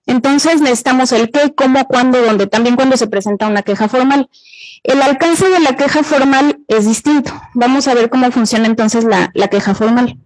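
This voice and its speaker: A woman's voice: high-pitched, moderate pace, a little mellow, low-quality recording. A middle-aged woman with a Mexican accent giving an interactive talk to students, explaining step by step and putting questions to the audience. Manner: explanatory, asks the audience questions and repeats their answers. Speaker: university gender violence workshop speaker.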